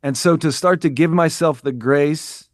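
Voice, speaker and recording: Unhurried and on the high side, an American business coach's voice comes through echo-free in studio quality. Interviewed on a podcast, he's earnest and reflective, repeating phrases and starting sentences over.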